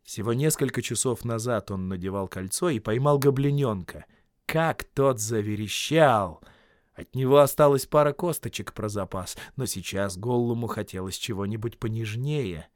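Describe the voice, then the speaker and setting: A man reading a fantasy tale aloud as an audiobook, with expressive storytelling and dramatic shifts in loudness. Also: medium pitch, normal speed, hardly any pauses, dry recording, clean studio sound. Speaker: audiobook reader. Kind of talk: scripted narration.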